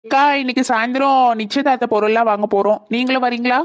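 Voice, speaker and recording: A woman's voice: on the high side, fairly even intonation, quick pace, natural voice. A woman voicing a polite young married neighbor in a cartoon, speaking earnestly and conversationally.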